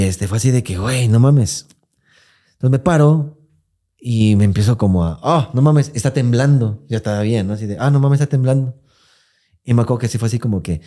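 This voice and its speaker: A man with a Mexican Spanish accent, a podcast co-host telling a personal story in casual, swearing, slang-filled chat, acting out what people said. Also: on the low side. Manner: swearing, slangy, animated retelling with acted quotes.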